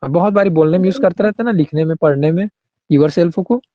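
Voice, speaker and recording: A man's voice: sits high, brisk, dry recording, narrow, tinny audio. A male English grammar teacher, explaining rules in an online class and often checking in with students by name.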